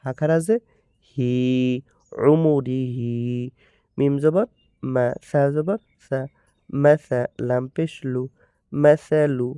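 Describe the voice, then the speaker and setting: Man, Bangladeshi accent, Quran reading teacher, slow repetitive drilling, clear tone. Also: mid-range voice, dark tone, dry recording. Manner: slow, drawn-out drilling with repeated syllables. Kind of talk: spelling out Arabic letters and vowel marks, then reading words slowly.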